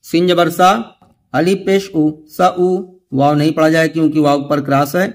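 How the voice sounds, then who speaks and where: A man teaching Quran reading. He spells out each letter and vowel mark, then blends the syllables into whole words, with short quick remarks about common mistakes. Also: fairly high pitch, steady tone. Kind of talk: slow syllable-by-syllable spelling drill.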